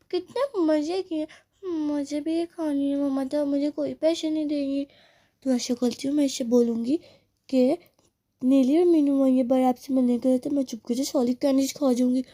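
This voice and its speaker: A woman's voice: sits high, steady tone, normal speed, dark tone, lightly acted. A woman voicing a sneaky tattletale girl doll who schemes and talks asides to herself, in a doll play story. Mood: scheming.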